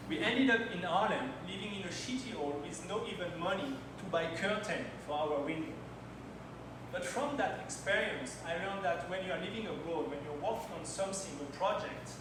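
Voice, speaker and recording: A high-voiced Frenchman in his thirties, speaking English as his second language, tells personal stories with non-native phrasing during a timed slide presentation at a launch party. The event hall is very echoey and noisy, and the microphone is far away.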